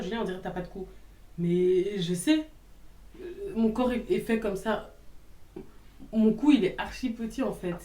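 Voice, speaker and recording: A woman's voice: lowish voice, dark tone, far from the mic. A young woman talks casually and sassily to her viewers, answering hater comments in an outspoken way. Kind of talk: casual vlog chat. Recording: roomy echo, a little off-mic.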